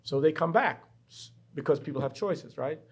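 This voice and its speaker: Speaking in a husky, fairly high-pitched voice at a moderate pace, a middle-aged man from the Bahamas shares his story in a reflective, personal way. He is a professor being interviewed candidly as a guest in a university studio.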